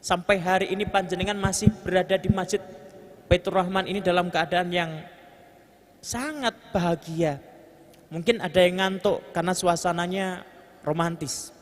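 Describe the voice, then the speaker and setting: A man's voice: sits high, fairly even intonation, normal speed, long pauses. A man with a Javanese accent giving a mosque sermon, joking with the congregation and translating Arabic phrase by phrase. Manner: jokes with the congregation, leads chanting. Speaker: preacher. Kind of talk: mosque sermon with kitab reading. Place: large mosque hall. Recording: long hall reverb, faint ambient noise.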